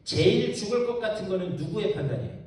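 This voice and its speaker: A man's voice: sits high, animated, quick pace, darkish tone. A male pastor giving a Bible-study sermon, telling a story with animation and asking the congregation questions, recorded in a church hall from far off. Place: church sanctuary.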